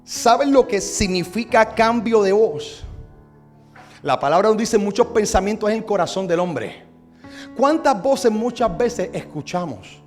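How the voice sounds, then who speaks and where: Male pastor, high voice, sermon in a church, rhetorical questions, soft music behind. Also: expressive, measured pace. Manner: preaching with rhetorical questions to the congregation.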